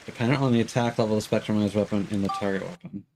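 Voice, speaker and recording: A lowish-voiced game streamer fires off rapid, casual commentary on his live gameplay, working through his thinking analytically. The background is noisy, with loud video game music behind his voice.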